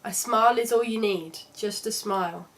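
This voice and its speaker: Young woman, casual travel vlog, chatty, candid, mid-pitched voice. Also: moderate pace, slight background noise. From London. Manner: chatty and candid, with frequent restarts. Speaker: travel vlogger.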